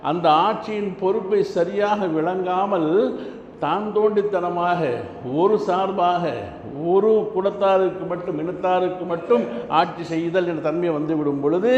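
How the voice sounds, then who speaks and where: A man preaching a Friday sermon in a large mosque hall, in a measured voice with rhythmic lists of phrases. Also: on the high side, a little mellow. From Tamil Nadu, India. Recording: echoey mosque hall, muffled lo-fi with faint hum.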